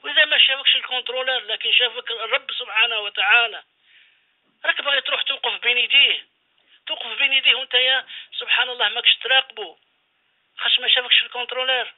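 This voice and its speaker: A man's voice: very high voice, fairly even intonation, fast. A man, an imam, preaching a radio sermon, exhorting his listeners with repeated phrases and rhetorical questions. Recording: phone-line radio call-in.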